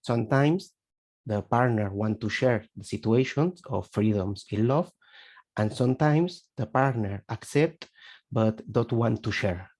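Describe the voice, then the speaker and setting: This webinar attendee is a Spanish man whose accent shows as he pieces together a question on a video call, groping for words. His pitch is medium, his tone darkish, and his pace slightly slow.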